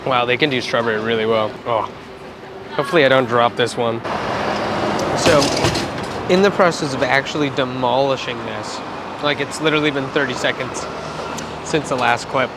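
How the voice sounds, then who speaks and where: A man's voice: mid-range voice, moderate pace, long pauses, very noisy. Chatty young man vlogging, rambling asides. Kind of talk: casual vlog talk to camera. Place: outdoors in summer heat, then indoors.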